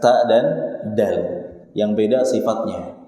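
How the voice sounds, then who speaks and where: An Indonesian man teaching Quran recitation, drilling syllables slowly and repeating each sound for his students. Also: on the low side, dark tone. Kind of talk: tajwid lesson with slow demonstrated recitation. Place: small prayer room. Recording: echoey, long reverb hall sound.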